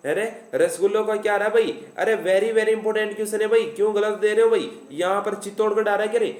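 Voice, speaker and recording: A man's voice: high voice, fairly even intonation, fairly quick, roomy sound. A man with a Rajasthani accent teaching a live online exam-prep class. He repeats his lines and plays out the students' answers himself.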